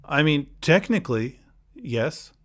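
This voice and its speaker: A man's voice: a little high, takes it slowly. A man with a slight foreign accent hosting a casual podcast chat, rambling and restarting his sentences. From United States. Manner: rambling, restarts often, animated retelling. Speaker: podcast host.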